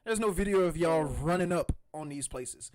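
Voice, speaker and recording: Male podcast co-host, slightly high voice, emphatic and animated, loose casual banter. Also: normal speed. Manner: animated, emphatic, mocking impressions. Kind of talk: casual chat.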